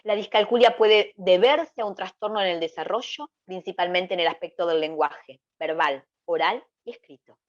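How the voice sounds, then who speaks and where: A woman's voice: fairly low pitch, moderate pace, few pauses. Woman lecturing in a webinar. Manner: asks and answers her own questions, checks in with "¿sí?". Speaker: webinar presenter. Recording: dull lo-fi webinar audio.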